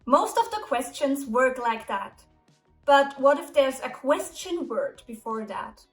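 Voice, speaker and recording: A woman teaches German with slow, careful explanations. Her high voice rings in an echoey room. She sits at a distance from the mic, and soft music plays behind her. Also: lively intonation. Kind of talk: English lesson with German example dialogues.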